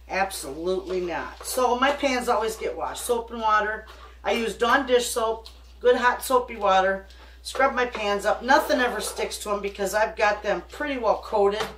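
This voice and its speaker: An older woman with a medium-pitched voice chats in a homespun, folksy way while giving a casual cooking demonstration at the stove in her home kitchen. She's a home cook hosting a cooking show, recorded by a camera a few feet away. The kitchen is echoey, with a distant mic and background noise.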